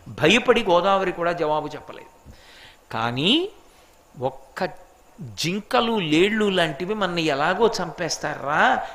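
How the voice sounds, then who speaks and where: A man's voice: sits high, sharp tone. A man giving a spiritual discourse, explaining and retelling an epic story with emphasis. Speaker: religious discourse speaker.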